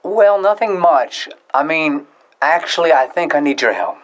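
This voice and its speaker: Troubled, awkward guy needing a favour male actor, slightly high voice, hesitant, clearly articulated scripted delivery. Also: lively intonation, unhurried, dull audio. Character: awkward, troubled man sheepishly asking a friend for help. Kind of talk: scripted dialogue acting.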